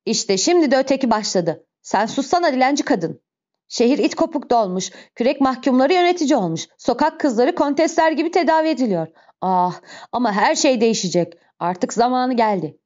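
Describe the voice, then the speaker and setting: Lady putting on a mean old-school cop, loud, barking, sneering at everyone. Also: mid-range voice, moderate pace, lo-fi sound, lightly acted. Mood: contemptuous. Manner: barking, contemptuous. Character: harsh, merciless middle-aged male police inspector.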